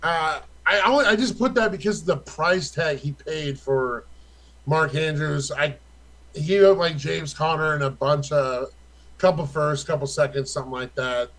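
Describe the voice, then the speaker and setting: A man's voice: a little high, moderate pace, a bit bright, poor audio. A young man co-hosting a casual fantasy football chat, rattling off stats in a loose, profane way.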